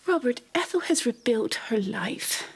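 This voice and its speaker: An actress playing a soft-spoken but firm aristocratic wife in a period drama. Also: female voice, on the high side, expressive, a little slow, breathy edge, exaggerated voice.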